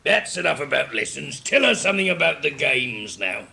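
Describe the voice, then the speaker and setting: A man's voice: fairly high pitch, big pitch swings, normal speed, creaky, sharp tone, heavily acted. A man playing a brusque, blustering gryphon, scornful but jolly and blunt in manner, in a 1950s dramatised storybook recording. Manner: blunt, chuckling, emphatic.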